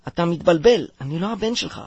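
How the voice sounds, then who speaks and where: A man playing a nervous young man in a comedy sketch who keeps stammering and apologizing. His voice sits a bit high with a husky grain. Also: lively intonation, darkish tone, no room sound, lo-fi sound, full character voice. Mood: hesitant. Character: hesitant young man denying he is the son.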